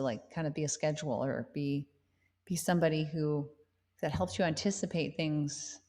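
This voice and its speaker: A woman's voice: sits low, long reverb tail. A woman singer-songwriter chatting casually with livestream viewers, rambling and amused at herself. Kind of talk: casual chat with live viewers.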